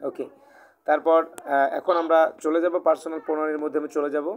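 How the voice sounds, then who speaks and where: A man's voice: a little high, flat delivery, quick pace, highs cut off. A man with a Bangladeshi Bengali accent teaching Chinese in a live online class, patient, repeating and rephrasing himself with many "ah" fillers. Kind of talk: live online language class, oral exam.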